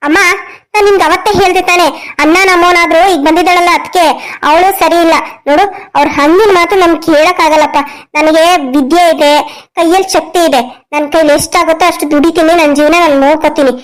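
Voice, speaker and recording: A woman's voice: extremely high pitch, fairly even intonation, fast, rough recording. A woman voicing a defiant, headstrong young woman in a cartoon story, answering back bluntly.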